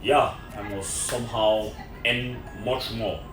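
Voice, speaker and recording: A man from Cameroon, a French teacher, answering interview questions in a slow, halting way with many fillers. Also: medium pitch, fairly even intonation. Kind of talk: casual interview. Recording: echoey room from far off with music.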